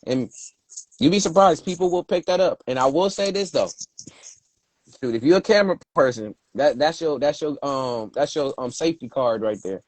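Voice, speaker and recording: A man's voice: a little high, animated, moderate pace, darkish tone, dry recording, low-quality recording. A man from Brooklyn hosting a casual chat, talking in laid-back street slang. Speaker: host.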